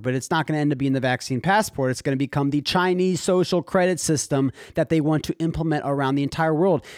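A young man talking on a casual podcast, his voice fairly high and recorded dry and close. He presses his points earnestly and drops in bro and dude. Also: no echo. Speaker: podcast co-host. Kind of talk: casual chat.

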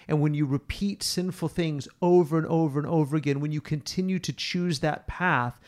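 A man with a fairly high voice talks through Bible passages with a podcast partner. He is earnest and emphatic and leans on repetition to press his point home. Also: a little mellow. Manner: earnest, emphatic, repeats words for stress. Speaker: podcast co-host teaching on scripture. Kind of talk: conversational Bible teaching.

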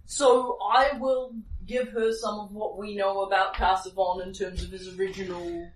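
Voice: medium pitch, level tone, normal speed. A player talking casually at a tabletop role-playing game, explaining what their character will say. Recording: echoey room, distant mic, clear noise.

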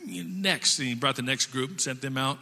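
A man's voice: mid-range voice, moderate pace, vocal fry, sharp tone. A man preaching a sermon in a folksy storytelling way with restarts, in a long-reverb hall. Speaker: pastor.

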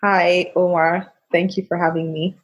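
A woman life coach speaking in a measured motivational style, pausing deliberately between phrases. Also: lowish voice, little pitch movement, slightly rough, highs cut off. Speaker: life coach, podcast guest.

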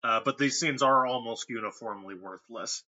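Bright-toned wry male podcast host. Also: mid-range voice, moderate pace, lo-fi sound. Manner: wry, laughs often, puts on mock voices. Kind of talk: casual film review chat.

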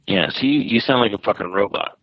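A man's voice: lowish voice, fast, no echo, muffled recording. A man co-hosting a horror movie podcast over a call, chatting casually with lots of fillers and restarts. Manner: rambling, many fillers and restarts. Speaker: podcast co-host. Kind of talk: casual chat. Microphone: remote call.

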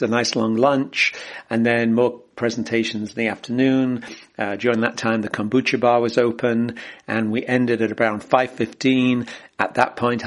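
A man at a mid pitch hosts a podcast, recapping the day in a plain, relaxed way. He uses some fillers as he goes. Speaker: podcast host. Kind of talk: podcast narration and interviews.

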